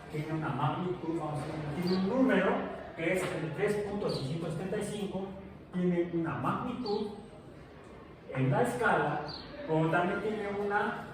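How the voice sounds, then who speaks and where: A male science teacher giving a classroom physics lecture, explaining step by step with restarts and checks. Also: high-pitched. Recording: echoey classroom from far off, noisy.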